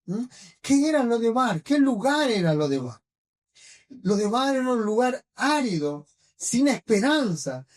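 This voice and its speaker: A woman with a Rioplatense accent delivers a sermon in a church, her voice set high and unhurried. She tells the scripture story piece by piece, pausing with fillers, and keeps asking the congregation short check-in questions. The mic sits some distance from her. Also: sing-song, darkish tone. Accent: Rioplatense Spanish. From Argentina. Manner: retells scripture slowly, with pauses and fillers. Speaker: preacher. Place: church hall.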